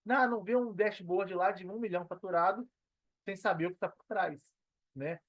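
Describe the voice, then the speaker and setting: A Brazilian man, a digital marketer appearing as a podcast guest, talks casually in a voice that sits high, at a normal speed and with a Brazilian Portuguese accent. He uses slang and repeats phrases for emphasis. The recording is dry and lo-fi.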